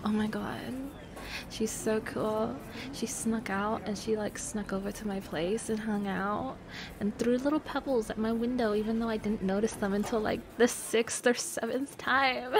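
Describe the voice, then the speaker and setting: In an intimate roleplay audio, a woman plays a playful, affectionate secret girlfriend, teasing with hesitations and trailing-off lines in a casual, improvised-sounding chat. Her voice is a little high and steady at normal speed, lightly acted. Noticeable cafe ambience sits behind her.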